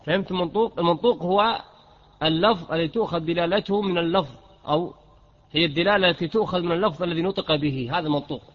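A man's voice: fairly high pitch, racing. A man, a sheikh teaching a jurisprudence lesson, quizzing students with questions and repeating key terms. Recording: dull lo-fi lesson recording.

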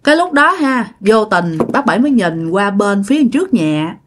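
A woman's voice: medium pitch, very animated, normal speed, noisy background. Southern Vietnamese woman, conversational ghost-story teller, talks straight to her listeners. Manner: chatty, with filler phrases and asides to listeners.

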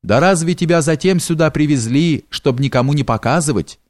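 A sly, flattering steward from a storybook, as a male narrator puts him on. He coaxes and wheedles, his voice lifted above the narrator's own. The sound is dry and close. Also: on the high side, fairly quick, no echo, voice pushed up, lightly acted. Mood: coaxing.

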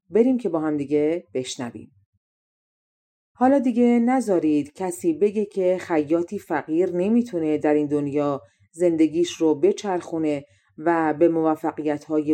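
A young adult woman reads a fairy tale aloud in a calm, measured storytelling manner. Her voice sits low, and its tone is soft and mellow. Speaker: audiobook narrator. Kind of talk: storybook narration.

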